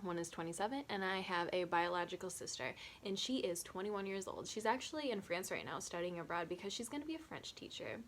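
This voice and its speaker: Twenties woman, tipsy and self-mocking, low-ish voice, rambling vlog chat. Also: a little hiss or hum. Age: 20s. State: tipsy from drinking. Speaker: vlogger. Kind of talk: casual get-to-know-me chat.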